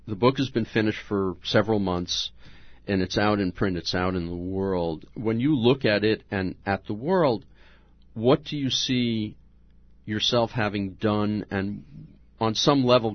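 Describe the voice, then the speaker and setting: Male radio host, low voice, dry and dull lo-fi sound. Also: dry recording. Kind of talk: radio interview.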